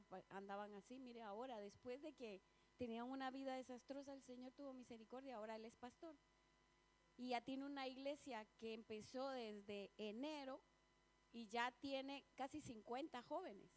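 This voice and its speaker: A woman's voice: fairly high pitch, a little hiss or hum. A woman preaching a sermon in a church, chatty and personal, often asking the congregation questions and laughing between points.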